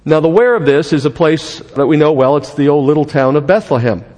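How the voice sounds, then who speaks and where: Pastor guy preaching, kinda high voice, long echo like a big hall. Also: brisk, a little mellow. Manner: earnest, conversational preaching with prayer. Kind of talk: sermon.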